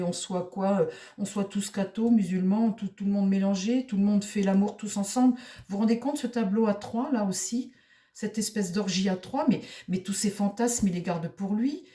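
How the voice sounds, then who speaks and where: A woman's voice: medium pitch, dark tone, far from the mic. Heated lady doing a tarot reading for viewers, keeps repeating herself, echoey room. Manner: indignant, heated, repeats words. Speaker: tarot reader. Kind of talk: casual monologue to viewers. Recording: roomy echo, mic set back.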